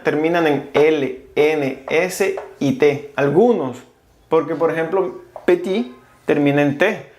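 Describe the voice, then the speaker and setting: A man's voice: a little high, roomy sound, slight background noise. A man teaching a casual video lesson, explaining grammar rules step by step and spelling out letters. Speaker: French teacher.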